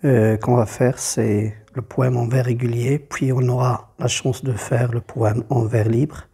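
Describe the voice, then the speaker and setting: Male teacher, husky and mellow, methodical, flat delivery. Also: medium pitch, measured pace. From Morocco. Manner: methodical, repeats key points. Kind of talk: classroom lesson on poetry.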